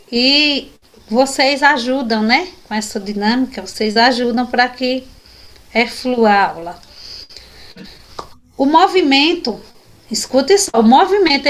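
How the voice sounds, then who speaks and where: A woman's voice: sits high, a bit bright. A woman with a Brazilian Portuguese accent teaching a sign language class, explaining patiently and often checking in with her students; she is tired after a long day. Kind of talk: online class lecture.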